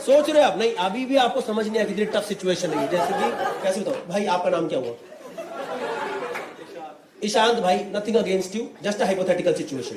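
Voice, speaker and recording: A young man from Delhi NCR performing an animated stand-up set, chatting directly with a live audience. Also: sits high, normal speed. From Delhi NCR, India. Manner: animated, chatty, keeps addressing the audience as brother. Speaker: stand-up comedian. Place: comedy stage before a live audience. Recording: echoey live venue, crowd noise.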